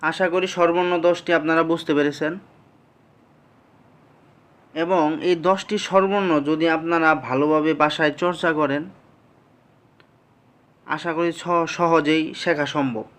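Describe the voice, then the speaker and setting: A teacher giving a slow, patient language lesson, explaining each sound step by step and repeating it back to the class. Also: mid-range voice, steady tone, clean tone.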